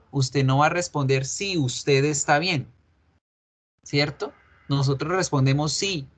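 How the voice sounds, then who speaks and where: A man's voice: fairly high pitch, fairly bright tone. Patient teacher, man. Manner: explains patiently, repeats examples slowly. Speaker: English teacher. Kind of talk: online class lecture.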